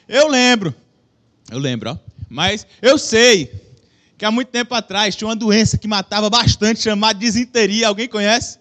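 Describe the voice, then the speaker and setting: A young man with a Brazilian accent giving a relaxed, joking sermon in a church hall, speaking into a microphone and asking the audience questions. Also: very high voice. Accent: Brazilian Portuguese. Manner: chatty, joking, self-deprecating, addresses the audience with questions. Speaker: preacher. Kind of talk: casual conversational sermon. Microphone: microphone with a stage monitor.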